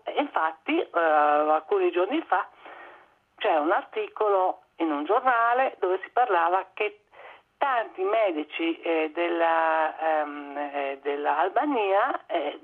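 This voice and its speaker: A woman's voice: fairly low pitch, slightly rough. A woman from Italy with a slight German tinge to her Italian, giving spontaneous interview answers as an expert, often searching for words and repeating them. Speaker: expert guest on migration. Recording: muffled narrow-band phone or radio line.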